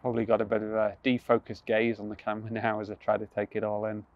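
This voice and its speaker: A young man with a fairly low voice guides a mindfulness practice, calm, unhurried and gentle. He is recorded outdoors on a rooftop through a small earphone mic, and the sound is somewhat dull and lo-fi. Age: young adult. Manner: calm, slow and gentle, with soft restarts. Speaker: mindfulness instructor.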